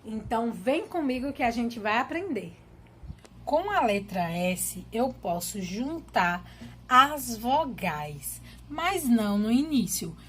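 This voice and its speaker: A woman's voice: a little high, sing-song, takes it slowly, a bit bright, slight background noise. A woman teacher, giving a children's literacy lesson and patiently sounding out syllables one at a time.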